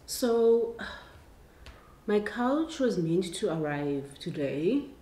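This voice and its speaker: A young South African woman, a lifestyle vlogger, chats casually to the camera indoors at home in her kitchen and bedroom. Her mid-range voice is warm and sing-song, and she speaks very slowly. The recording has roomy echo and clear background noise.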